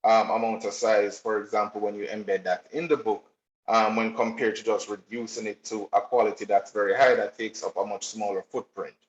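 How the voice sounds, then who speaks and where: A man giving a technical presentation, explaining steadily with frequent filler ums. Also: fairly low pitch. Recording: roomy, slightly dull recording.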